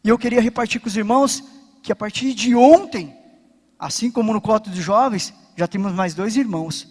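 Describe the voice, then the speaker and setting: A man's voice: sits high, moderate pace. A man telling a personal testimony before a church congregation, earnest and intimate, growing fervent as he goes. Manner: earnest storytelling, quietly intimate at first, then building with fervor. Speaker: church member giving a testimony. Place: church sanctuary. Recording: echoey church hall.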